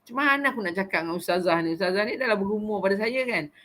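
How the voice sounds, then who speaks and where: A woman's voice: mid-range voice, rapid-fire. A middle-aged woman with a Malaysian Malay accent, a vocal recitation teacher talking frankly and expressively to her class. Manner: expressive, frank, animated and talkative. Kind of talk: conversational class talk.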